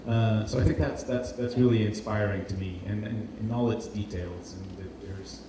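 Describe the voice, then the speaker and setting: In an indoor event space with heavy echo, a man from Portugal gives an informal presentation as a designer, his voice on the low side with fairly even intonation at normal speed. He speaks hesitantly, repeating words as he reaches for phrasing. The live hall recording is roomy, distant and noisy.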